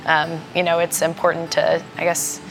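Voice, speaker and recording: A woman's voice: fairly low pitch, completely flat delivery, moderate pace, vocal fry, slight background noise, poor audio. A woman hosting a casual panel, speaking thoughtfully in loose, rambling sentences. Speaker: host.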